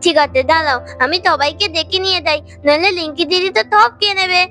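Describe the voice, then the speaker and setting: A bubbly, excitable little girl in a doll cartoon, as a woman puts her on, her voice very high and bright and bursting with glee. She chatters about swimming and sweets over light children's music. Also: fast, full character voice. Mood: excited. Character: cheerful little girl Isha, playful and greedy for sweets.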